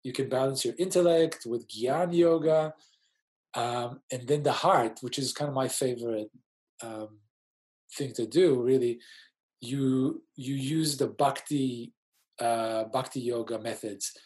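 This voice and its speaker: A musician from Israel in his forties joins a casual interview as a guest, explaining things gently and thoughtfully with many ums. His voice is medium-pitched and a little slow.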